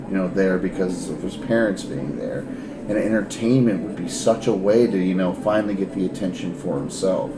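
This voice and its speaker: A man's voice: deep voice, noisy background. A man narrating a tabletop game as game master in a casual way, with many fillers. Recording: roomy echo with music behind.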